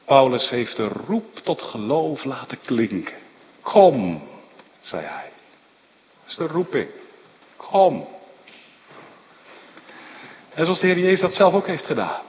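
A man preaching a sermon, repeating urgent calls and then explaining them slowly. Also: mid-range voice, big pitch swings, long reverb tail, muffled recording.

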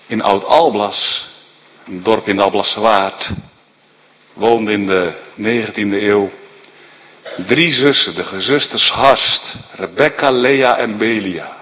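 A man's voice: mid-range voice, a bit bright, long reverb tail. A man pastor giving an earnest, emphatic sermon.

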